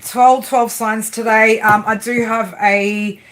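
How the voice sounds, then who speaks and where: On a live stream, an Australian woman does a tarot reading while answering viewers, chatty, playful and slangy, reading chat comments out loud. Her voice is on the high side, fairly bright but flat and slow, in a low-quality recording.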